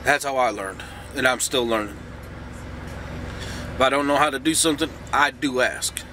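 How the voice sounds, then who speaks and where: A man's voice: mid-range voice, normal speed, noisy background. A middle-aged man, sick and groggy as if hungover, talks casually in a folksy, plainspoken way as a truck driver vlogging. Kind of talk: casual vlog talk. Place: truck cab.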